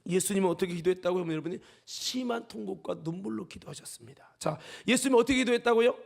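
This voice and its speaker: A man preaching a Sunday afternoon sermon as senior pastor, swinging from hushed whispers to shouted peaks and joking with his congregation. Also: high voice, quick pace, gravelly. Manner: jokes with and calls on congregation members; leads the congregation in crying out.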